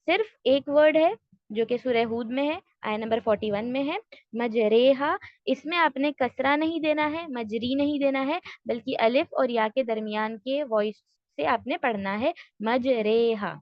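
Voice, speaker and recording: A woman's voice: high-pitched, no echo, dull audio. A woman teaching recitation rules in an online class, explaining step by step, checking that students follow and mixing in English words. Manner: mixes English words into her speech. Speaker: tajweed teacher.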